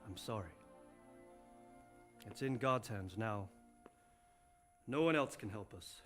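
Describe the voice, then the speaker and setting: An actor playing a castle lord in a video game, giving formal, authoritative orders. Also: male voice, fairly low pitch, slow, a bit bright, faint music behind. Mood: grave. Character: castle lord, commanding and grave.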